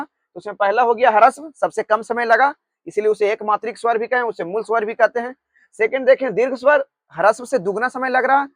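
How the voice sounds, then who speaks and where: A high-pitched male teacher from Bihar explains grammar in a patient classroom manner. He repeats a quick check-in after nearly every line and slows to dictate notes word by word. The sound is dry and close, with no room echo. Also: fairly bright tone. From Bihar, India.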